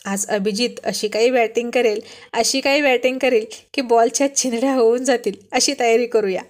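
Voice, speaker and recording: Bossy scheming young man, teasing, scolding tone, slightly high voice, put on by a woman storyteller. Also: steady tone, normal speed, close to an everyday voice.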